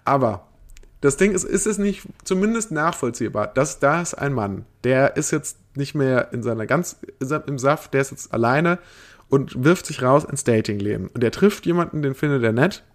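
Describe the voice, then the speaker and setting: A man's voice: mid-range voice, expressive, normal speed. A man co-hosting a casual podcast chat, reading a forum post aloud with fillers and frequent laughter. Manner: casual, laughing often, rambling reads with fillers. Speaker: podcast co-host.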